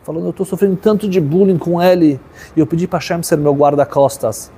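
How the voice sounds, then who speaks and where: A man's voice: a little high, steady tone, a little fast, warm tone, husky, pitched above the performer's own voice. A man voicing a distressed ten-year-old boy who pleads through tears. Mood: tearful.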